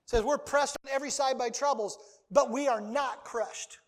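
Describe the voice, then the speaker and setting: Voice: sits high, normal speed. A preacher delivering a sermon, reading scripture aloud and driving points home by repeating key phrases.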